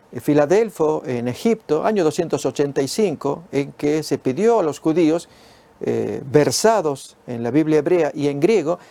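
A man teaching a Bible lesson, explaining step by step in a measured way with occasional fillers. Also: on the high side, mellow.

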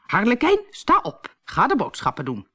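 A woman's voice: mid-range voice, wildly swooping pitch, moderate pace, fairly bright tone, slightly rough, soft background music, voice pushed up, heavily acted. A woman voicing a grumpy, fearful old man in a storybook, whiny and anxious. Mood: whining.

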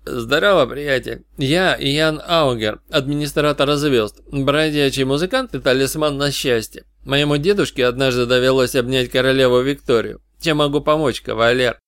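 A man's voice: mid-range voice, normal speed, few pauses, a bit bright, smooth, no echo, clean studio sound, close to an everyday voice. A man voicing a cheerful, stocky male band manager who talks in a familiar, mocking way. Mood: jovial.

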